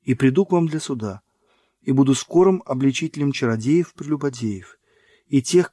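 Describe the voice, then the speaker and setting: Male narrator, mid-range voice, dry booth sound, measured solemn audiobook read. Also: medium pitch, mellow, no echo. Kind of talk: scripted narration of a religious book.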